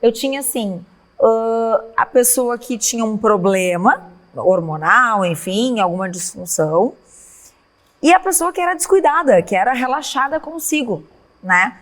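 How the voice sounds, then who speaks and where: A woman's voice: a little high, expressive, a little slow, fairly bright tone, long reverb tail. A woman hosting a casual interview, bantering and chiming in often to agree. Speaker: host, psychologist.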